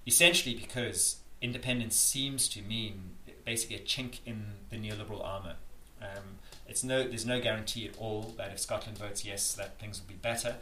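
Forceful and bright, this South African man's lowish voice holds a steady tone at normal speed with few pauses. He answers interview questions as a campaigner, earnestly and emphatically, frequently restarting sentences. The room is echoey and faintly noisy.

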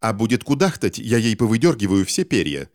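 A man voicing a smug, scheming villain of a gentleman, sneering and contemptuous in an audiobook reading. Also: on the low side, sing-song, a little fast, dry recording, clean studio sound.

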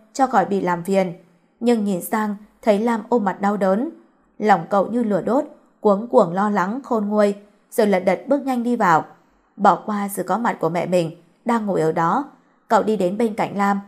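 A woman narrating a domestic romance story in a steady storytelling voice. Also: mid-range voice. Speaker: audiobook narrator.

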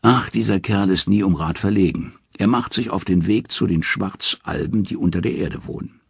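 A man narrating a myth as an audiobook in an expressive, dramatic storytelling manner. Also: low voice, moderate pace, creaky, breathy edge, no room sound, studio quality.

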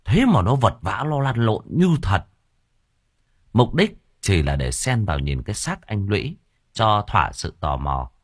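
A man narrating a novel as an audiobook, reading in a colloquial, expressive way with coarse asides. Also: on the low side, unhurried, breathy edge, no echo, studio quality.

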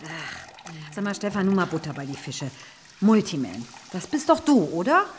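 A woman's voice: deep voice, moderate pace, a little hiss or hum, natural voice. An actress playing a brusque, skeptical woman who teases a friend.

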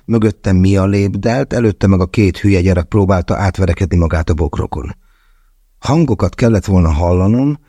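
Gravelly, deep male audiobook narrator. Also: warm tone, no room sound, clean studio sound. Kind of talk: first-person audiobook narration.

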